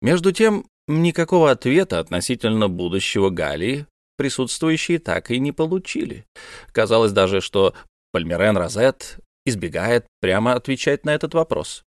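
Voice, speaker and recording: A man narrating an audiobook novel in an expressive storytelling manner. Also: medium pitch, normal speed, dry recording, studio quality.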